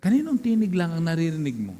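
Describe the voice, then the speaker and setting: A man's voice: a little high, huge pitch swings, fast talker, warm tone. A man preaching a sermon as pastor, throwing questions and calls of praise to the congregation. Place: church hall. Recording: long church reverb.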